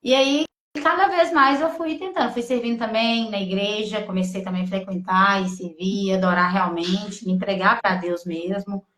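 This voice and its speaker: A woman from gives an emotional personal testimony, halting and full of restarts as she quotes her own thoughts. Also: medium pitch, steady tone, fairly bright tone. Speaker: testimony guest. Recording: echoey room.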